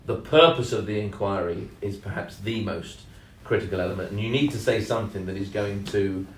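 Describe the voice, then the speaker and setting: A man co-hosting a casual podcast, speaking in a measured, hesitant way with many ums and leaning hard on key words. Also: on the low side, slight background noise. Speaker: podcast co-host and sales trainer. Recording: roomy echo, mic at a distance.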